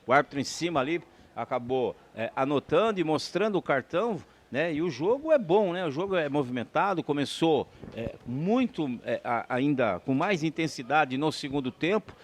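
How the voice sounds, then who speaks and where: A man's voice: a little high, very animated, normal speed, few pauses. A man with a Brazilian accent giving live football commentary and analysis during a match.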